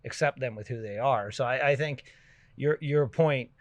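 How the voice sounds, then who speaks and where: A middle-aged man hosting a podcast, chatting casually and telling stories with loud bursts when he gets excited. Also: medium pitch, moderate pace, dry recording. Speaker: podcast host. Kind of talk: casual chat.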